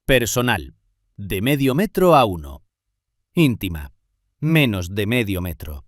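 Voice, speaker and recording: A man giving scripted narration in measured, short phrases with pauses. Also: lowish voice, very animated, dry recording, clean studio sound.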